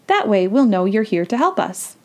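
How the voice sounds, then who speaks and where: A woman voicing a brisk female guide in a storybook read-aloud, orderly and instructive. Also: mid-range voice, very animated, lightly acted.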